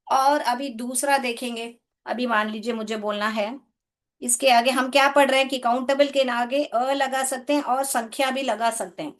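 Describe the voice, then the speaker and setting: A woman English teacher from India giving a live online class in Hindi, coaxing her pupils, asking them questions and calling them "beta". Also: high-pitched. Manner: coaxing, calls students "beta", asks questions.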